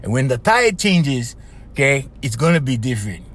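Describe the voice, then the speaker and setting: A man's voice: mid-range voice, very animated, normal speed, fairly bright tone. A man with a Hawaiian Pidgin accent hosting a podcast, chatting casually and animatedly, laughing often and repeating himself. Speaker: podcast host. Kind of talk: casual chat.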